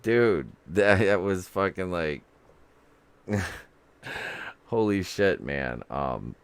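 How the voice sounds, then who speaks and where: A man's voice: sits low, animated, very slow, smooth, no echo. A middle-aged man telling a paranormal story in casual chat, rambling, full of fillers and quoted dialogue. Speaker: guest.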